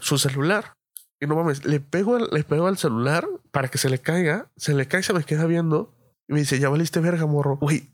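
A man's voice: on the high side, no echo, clean studio sound. A young man casually telling a personal anecdote, rambling, slangy and full of fillers and swearing.

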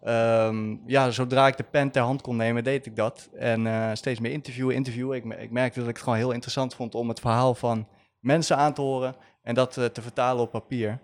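Gravelly young Dutch journalist guest. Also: male voice, mid-range voice, fairly quick, hardly any pauses. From Netherlands. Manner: relaxed storytelling with slang. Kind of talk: casual podcast chat.

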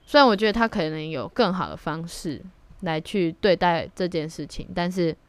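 Smooth, low-voiced woman talking. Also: normal speed. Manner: candid and reflective, with blunt slang. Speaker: podcast host. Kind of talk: casual solo podcast monologue.

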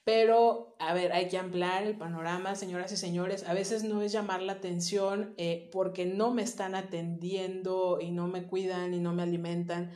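A woman's voice: on the low side, level tone, moderate pace, hardly any pauses, darkish tone. A woman with a northern Mexican accent from Monterrey, co-hosting a casual podcast and explaining things directly to listeners. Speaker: podcast co-host, child psychotherapist. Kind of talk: casual conversational podcast talk. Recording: roomy echo, faint music.

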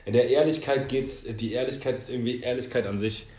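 A man's voice: medium pitch, fairly even intonation, a little fast, mellow. A man co-hosting a casual podcast, musing in philosophical tangents. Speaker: podcast co-host. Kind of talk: casual chat. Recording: roomy echo with faint noise.

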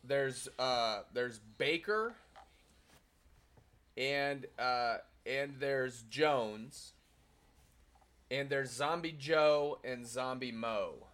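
A man co-hosting a podcast in casual banter, halting and hesitant with many fillers while setting up a scene. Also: mid-range voice, a bit bright. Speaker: podcast co-host.

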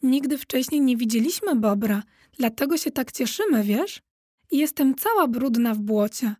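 A woman voicing an excitable, timid ghost lady of a castle, talking high and fluttery. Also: moderate pace, no room sound, clean studio sound. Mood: wistful. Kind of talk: children's audiobook character voice.

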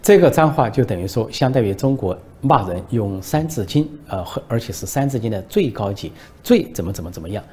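A man's voice: lowish voice, animated, a little fast, warm tone, slightly rough. A man from China hosting a political commentary show, explaining at length and telling jokes as anecdotes. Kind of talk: commentary livestream.

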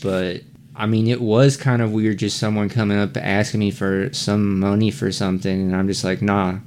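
A man with a low, heavily gravelly voice co-hosts a casual podcast. He chimes in with dry, laid-back remarks, unhurried and flat in attitude. A faint hiss sits under the recording. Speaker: podcast co-host. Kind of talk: casual chat.

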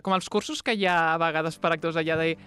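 A woman's voice: deep voice, steady tone, quick pace, a bit bright, clear, resonant tone. A woman podcast co-host chatting casually, repeating words as she builds her points. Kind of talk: casual chat.

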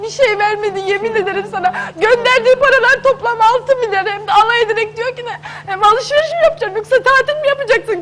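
A woman's voice: very high voice, heavy background noise. A young woman on a talk show, pleading and insistent as she tells her side through tears. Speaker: guest on a daytime talk show. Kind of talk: emotional testimony.

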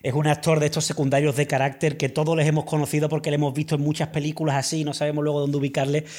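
A man's voice: a little high, level tone, rapid-fire, darkish tone. A man, chatting casually and enthusiastically about films as a podcast co-host, full of slang. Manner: enthusiastic, uses slang and filler words. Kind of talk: casual film discussion.

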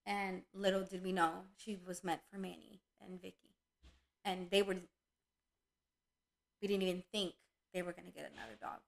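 A woman in casual chat, telling lively stories about her dogs and acting out their voices. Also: on the low side, moderate pace, gravelly, long pauses, low-quality recording. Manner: animated storyteller, acts out her dog's voice. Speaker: dog breeder.

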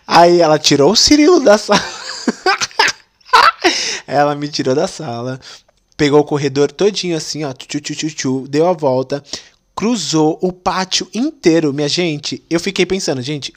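A young man, hosting a podcast and telling comic stories in an animated, playful way full of slang. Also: fairly high pitch, measured pace. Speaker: podcast host. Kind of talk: comic storytelling. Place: podcast studio. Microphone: studio mic with headphones.

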